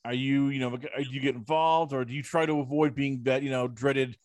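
A man's voice: mid-range voice, steady tone, fairly quick, a little mellow, no echo. A man interviewing a fighter, asking long rambling questions full of fillers. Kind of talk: casual interview.

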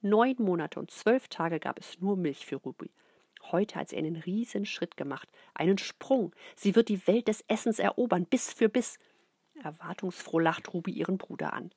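Breathy middle-aged woman reading a storybook. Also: lowish voice, normal speed, dry recording, studio quality. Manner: expressive, drops into soft whispers. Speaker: narrator. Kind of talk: reading a children's book aloud.

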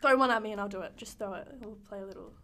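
A woman's voice: mid-range voice, rapid-fire, a bit bright. A young Australian woman co-hosting a podcast in casual chat, giggling often, swearing freely and trying silly impressions. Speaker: podcast co-host.

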